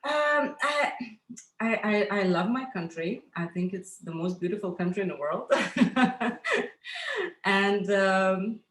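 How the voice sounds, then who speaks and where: A woman's voice: medium pitch, takes it slowly, long pauses, fairly bright tone, reverberant. A woman from Lithuania, a guest in a casual interview, who talks hesitantly with many fillers and restarts.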